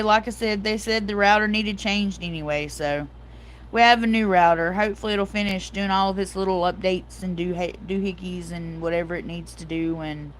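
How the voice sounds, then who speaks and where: Middle-aged woman chatting on her stream, animated storyteller, says y'all a lot. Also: on the low side. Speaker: livestream host. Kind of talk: casual livestream chat.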